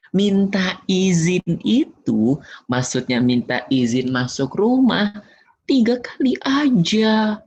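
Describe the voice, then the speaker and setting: A man telling a playful story lesson to children, acting out knocks and sounds with little chuckles. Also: medium pitch. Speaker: children's religious teacher. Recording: dull lo-fi recording.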